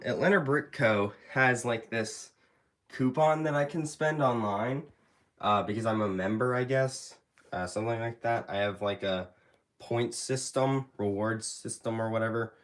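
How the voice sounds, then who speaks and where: A young man hosting a casual live stream Q&A, sounding stuffy from allergies and talking in a rambling, hesitant way with many fillers. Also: lowish voice. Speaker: YouTube creator hosting a live Q&A. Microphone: handheld phone camera.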